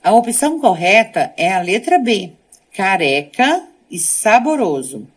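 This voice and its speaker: A woman's voice: medium pitch, big pitch swings, unhurried, breathy edge. A woman teaching a Spanish lesson, speaking Portuguese as her first language, who reads sentences aloud and then translates and explains them.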